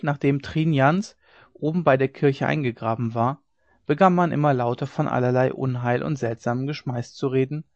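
A man reading a classic story aloud in a measured, dramatic way. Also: mid-range voice, no room sound, muffled recording. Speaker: audiobook reader. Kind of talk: scripted narration of a classic novella.

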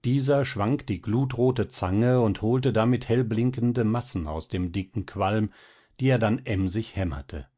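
Husky-voiced man reading a tale dramatically. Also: on the low side, measured pace, mellow. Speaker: narrator. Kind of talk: literary audiobook reading.

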